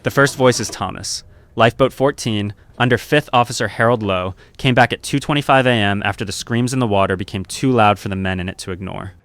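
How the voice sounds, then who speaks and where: A man narrating a scripted story in second person, in a measured, grave and deliberate way. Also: fairly low pitch, fairly bright tone.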